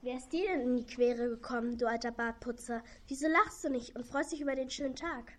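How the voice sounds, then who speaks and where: Woman plays old donkey, worn out but hopeful; earnest storybook delivery, fairly high voice. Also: brisk, a bit bright. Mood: friendly. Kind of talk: children's audio play.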